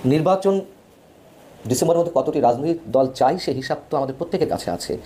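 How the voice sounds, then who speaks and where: A man giving opinionated political news commentary, emphatic, with his pitch swinging widely between phrases. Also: animated, quick pace, warm tone.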